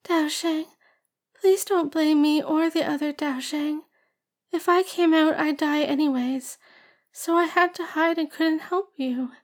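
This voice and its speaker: A woman reading an audiobook and voicing a tearful, stubborn young girl who pleads and whines in a high, sobbing voice. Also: fairly even intonation, normal speed. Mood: pleading, tearful. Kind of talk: audiobook character voice.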